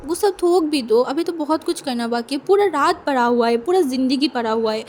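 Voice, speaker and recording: A woman's voice: high voice, expressive, a little fast, a little hiss or hum. A woman voicing a possessive, teasing young male lover in a fan fiction reading, talking in a coaxing, playful way. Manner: coaxing, playful, soft-spoken. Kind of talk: fan fiction read aloud.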